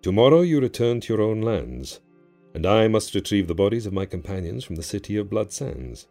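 A man's voice: on the low side, big pitch swings, dark tone, faint music behind. A man voicing an ancient male jinn who speaks in grand, cryptic, teasing pronouncements in an audio drama. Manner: theatrical, teasing, drawn-out pronouncements.

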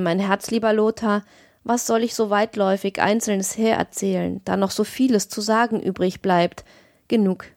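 Woman narrator, mid-pitched, dry close read of a classic tale. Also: darkish tone, no echo. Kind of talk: literary audiobook narration.

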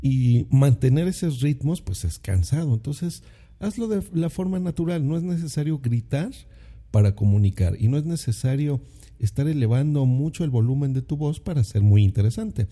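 A man hosting his own podcast in a relaxed, rambling way, full of fillers and "¿no?" tag questions, on a condenser mic. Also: medium pitch, normal speed. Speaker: podcast host. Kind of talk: casual solo podcast talk. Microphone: condenser microphone.

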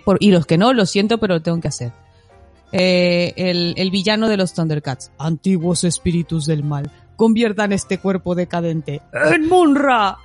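A middle-aged woman talks on a casual podcast. She tells stories with lively, animated energy and laughs often. Faint music plays underneath. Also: mid-range voice. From Mexico. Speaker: podcast co-host.

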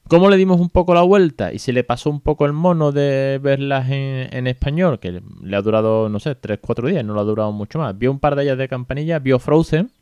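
A man's voice: medium pitch, brisk, few pauses, darkish tone, smooth, dry recording. A man with a Spain Spanish accent, hosting a casual podcast monologue as a father, chatty and colloquial, with asides to his listeners.

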